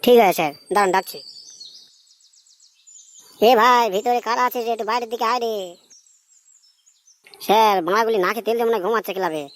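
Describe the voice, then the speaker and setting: A woman voicing a forgetful, eager-to-please male police officer in a comedy cartoon, with quick, deferential replies. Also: a little high, natural voice. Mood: obliging. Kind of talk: cartoon voice acting.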